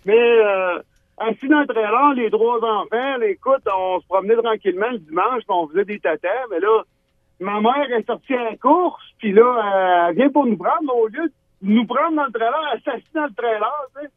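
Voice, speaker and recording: A man's voice: very high voice, normal speed, dry recording. A man with a Québécois accent calls into a radio show over a landline phone and tells a rambling family anecdote, chuckling at his own story. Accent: Québécois French. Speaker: radio call-in caller. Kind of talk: casual anecdote told on air. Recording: tinny phone line.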